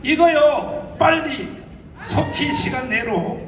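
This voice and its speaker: Pastor, man, high and animated, shouting rally speech, distant echoey hall recording. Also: slow. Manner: shouting, rhetorical questions to the crowd. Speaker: pastor addressing a political rally. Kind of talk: fiery rally speech with call-and-response. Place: large convention hall. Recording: echoey hall from far off, noisy.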